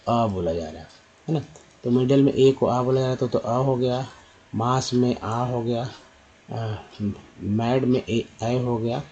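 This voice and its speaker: Man, pronunciation teacher, slow careful delivery, spells out letters, repeats words, faint background noise. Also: medium pitch, mellow, highs cut off. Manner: addresses viewers as friends. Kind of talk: spoken lesson, reading words aloud.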